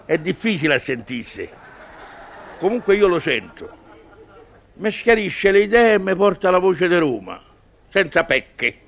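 A man's voice: high voice, sing-song, measured pace, long pauses, fairly bright tone, slight background noise. A man with a Roman accent delivering a humorous, musing monologue in colloquial dialect, conversational and wry. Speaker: comic monologist.

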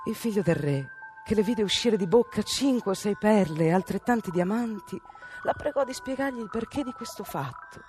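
Animated woman reading a fairy tale. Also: medium pitch, moderate pace, music in the background. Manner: expressive, animated. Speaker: storyteller. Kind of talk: storybook reading on radio.

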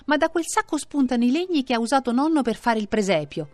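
A woman voicing an eager, sensitive small boy who speaks in an excited, urgent way in a children's story. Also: sits high, a little fast, no echo, pitched above the performer's own voice, full character voice.

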